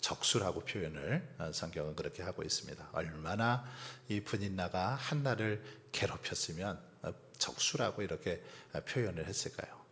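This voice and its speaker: A man's voice: low-pitched, expressive, moderate pace, creaky, hardly any pauses, fairly bright tone. A man preaching a sermon as pastor, asking the congregation rhetorical questions and letting phrases trail into near-whispers. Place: church sanctuary. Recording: long church hall reverb.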